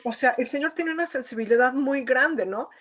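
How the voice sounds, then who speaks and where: A woman's voice: sits high, moderate pace, dull audio. A woman, a painter, telling an emotional story as an interview guest, with frequent filler words. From Mexico. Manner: emotional, lots of "o sea" and "eh" fillers. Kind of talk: conversational storytelling.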